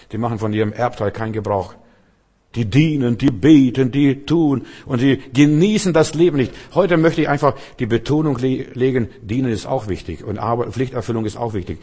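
Animated German-speaking preacher, loud then hushed. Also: male voice, medium pitch. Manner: animated, swings between loud exclamations and quiet asides; addresses listeners directly, often with rhetorical questions. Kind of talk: free-flowing sermon.

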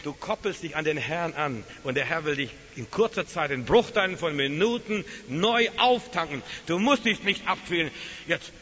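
A man preaching with a bright, ringing voice, pitched a little high, in a long-echoing hall. He tells his stories emphatically, sinking into quiet, hushed stretches and then climbing back to loud calls. The recording is dull, with a faint hiss behind him. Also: expressive, moderate pace, slightly rough. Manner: emphatic storytelling, dropping to hushed tones then rising. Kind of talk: sermon.

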